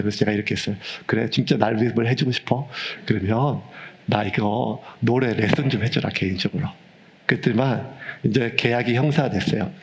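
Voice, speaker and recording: A man in his fifties, a pastor preaching a sermon with humorous, animated storytelling. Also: mid-range voice, vocal fry. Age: 50s.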